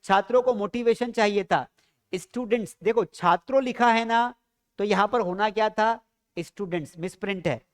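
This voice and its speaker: A man's voice: sits high, moderate pace, smooth. A man teaching a spoken English lesson, explaining patiently, asking the viewers questions and drilling pronunciation.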